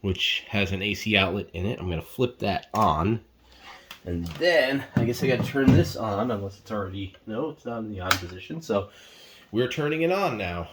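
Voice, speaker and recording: A man's voice: on the low side, moderate pace, a bit bright, slight background noise. A man giving casual unboxing commentary, rambling and unsure, thinking aloud with fillers as he moves around his home, sometimes drifting away from the camera mic. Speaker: product reviewer.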